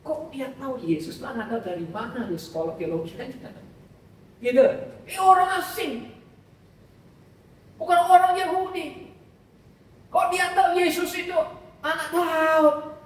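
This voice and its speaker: A man's voice: very high voice, lively intonation, normal speed, long pauses. A male pastor preaching a sermon, telling a story and asking the congregation rhetorical questions. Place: church hall. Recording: echoey hall, far from mic.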